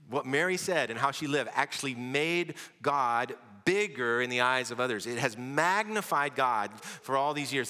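Bright-voiced man preaching in a reverberant hall. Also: medium pitch. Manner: storytelling with dramatic pauses and humor. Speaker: pastor. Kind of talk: sermon.

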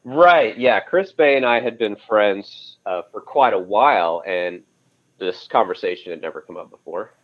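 Heard through a dull, lo-fi phone connection from his home, a man on the low side talks expressively at a moderate pace. He's a podcast guest sharing his story casually, frequently starting over and dropping "you know."

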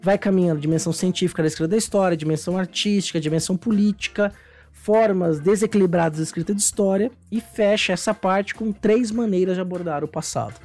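Brazilian podcast host, low-pitched woman over music. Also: quick pace, darkish tone. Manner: explanatory, conversational, with frequent tag questions. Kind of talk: informal podcast presentation.

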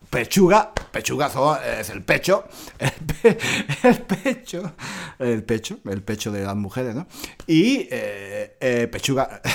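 Man from Spain, middle-aged, podcast language teacher, casual, laughs a lot, repeats words, mid pitch. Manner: animated, laughs often, repeats words for learners. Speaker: Spanish teacher podcast host. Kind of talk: casual explanatory podcast lesson.

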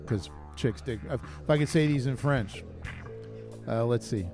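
A man's voice: mid-range voice, a little slow, dark tone, faint music behind. A man co-hosting a casual chat, reading facts aloud and trading cheesy pickup lines. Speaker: co-host.

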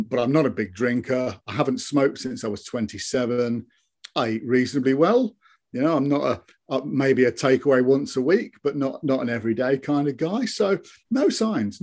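A man's voice: medium pitch, darkish tone, breathy edge. A man in his early fifties giving a reflective personal account as an interview guest, speaking in an earnest, matter-of-fact way. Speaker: interview guest, stroke survivor.

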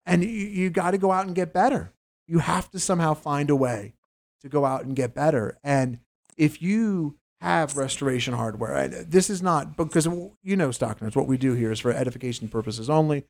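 A man's voice: on the high side, a little fast, creaky, a little mellow. A man hosting a casual investing talk show, rambling and stumbling over his words as he jumps between topics. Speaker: host.

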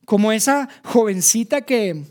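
Preacher, male, Mexican accent; emphatic sermon delivery with hushed asides, relaxed dark timbre. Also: sits high, measured pace. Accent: Mexican Spanish. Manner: emphatic, repeats rhetorical questions, drops to hushed tones.

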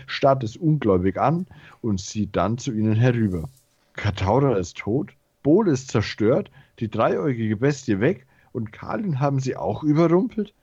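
A man's voice: lowish voice, a little mellow, breathy edge, dry recording, dull audio. A man reading the text of a game aloud to a fellow player, stumbling and commenting as he goes. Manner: reads long passages aloud, stumbles and comments. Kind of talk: let's-play reading and chat.

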